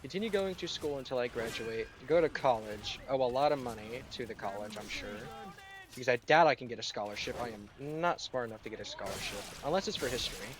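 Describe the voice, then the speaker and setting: A man's voice: mid-range voice, lively intonation, fast talker, a crowd in the background. A young man from the United States in his late teens, chatting sarcastically and rambling while he streams a game. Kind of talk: casual live-stream chat while gaming.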